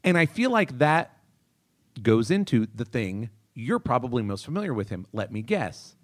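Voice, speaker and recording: A man's voice: medium pitch, big pitch swings, moderate pace, dry recording. A man co-hosting a podcast, explaining things emphatically in casual chat. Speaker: podcast co-host.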